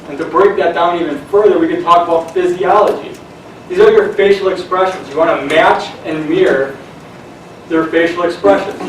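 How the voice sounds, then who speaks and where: A man giving a lively, conversational sales seminar to a room of people, acting out what customers say. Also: sits high, a little hiss or hum. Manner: energetic, conversational, acts out quotes. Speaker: sales presenter. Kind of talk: seminar talk. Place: room with an audience. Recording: very echoey room, mic far off.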